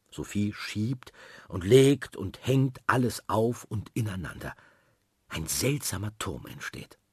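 A man reading a children's story aloud in a lively, expressive way. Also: on the low side, husky, no room sound, clean studio sound.

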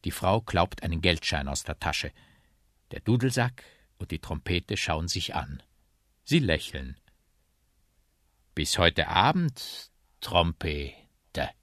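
A man reading a children's radio story in a calm, measured way, in a studio. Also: low-pitched, no room sound. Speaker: storyteller and reader.

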